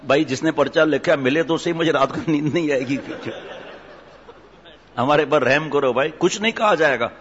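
A man's voice: fairly high pitch, a bit bright. A man, a cleric giving a humorous sermon in a mosque, teasing his audience with jokes and stories. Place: mosque hall. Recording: echoey hall, dull lo-fi sound.

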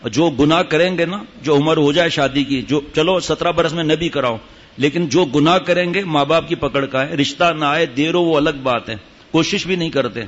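A man's voice: on the high side, dull audio. A man giving a stern sermon to a gathering, scolding his listeners with rhetorical questions. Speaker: religious teacher at a mosque retreat.

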